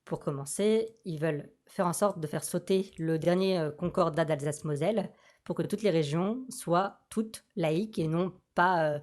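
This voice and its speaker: A man speaking through a voice changer, patiently explaining a political programme point by point in a casual debate. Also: normal speed. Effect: voice changer, altered pitch. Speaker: political activist guest.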